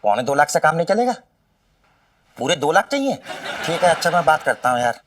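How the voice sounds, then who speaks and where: An actor playing a cheeky, boastful brother-in-law in a sitcom, brash and loud, with a lilt. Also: male voice, on the high side, sing-song, fairly quick, background noise. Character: boastful scheming brother-in-law, Chhatanki Mama. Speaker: comic actor. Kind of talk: sitcom acting. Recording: dry, from a distance.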